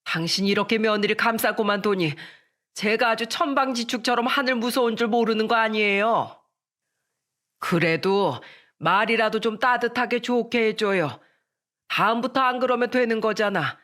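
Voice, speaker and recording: A storyteller voicing an angry middle-aged mother-in-law who scolds her daughter-in-law in a raised, shrill voice. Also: normal speed, close to an everyday voice. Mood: exasperated. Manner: shrill and scolding, rising louder.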